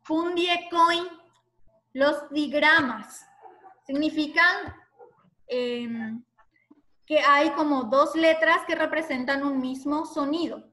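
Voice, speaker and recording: Woman teacher on an online class, high bright voice, slow patient delivery, sounds spelled out.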